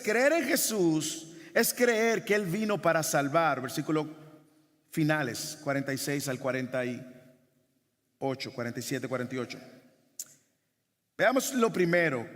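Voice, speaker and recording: Male pastor, high voice, emphatic sermon, repeated questions, long hall reverb. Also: fairly bright tone.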